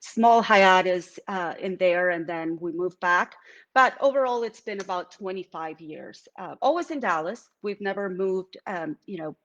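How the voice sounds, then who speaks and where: In a live-streamed talk from her home art studio, a reflective middle-aged Venezuelan artist speaks in a lowish, fairly bright, expressive voice with a Venezuelan Spanish accent. She takes her time, using many fillers and restarts, and the sound is lo-fi.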